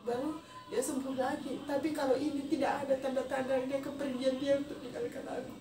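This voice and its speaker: Woman, 30s, personal vlog storyteller, halting and emotional delivery; roomy, off-mic sound. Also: high voice, little pitch movement, music in the background. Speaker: vlogger. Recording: echoey distant mic with noisy ambience.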